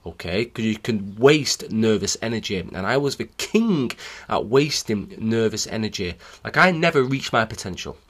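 A man's voice: lowish voice, moderate pace, slight background noise. A man, a cycling coach telling stories animatedly on a solo podcast. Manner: animated storytelling, acting out remembered exchanges.

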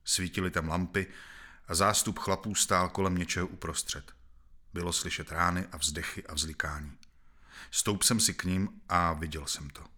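Male audiobook narrator, deep and forceful, measured and grave. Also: steady tone. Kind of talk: audiobook reading of a novel.

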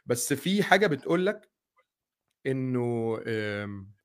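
A man's voice: mid-range voice, big pitch swings, unhurried. A man with an Egyptian Arabic accent hosting a casual podcast chat, mixing English words into his Arabic. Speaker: podcast host.

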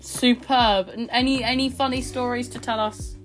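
Teen girl hosting a chill podcast, bit high voice, giggly and chatty, faint music under it. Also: fairly even intonation, moderate pace. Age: teens. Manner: chatty, giggly, leads the segments. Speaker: podcast co-host. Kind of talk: casual chat.

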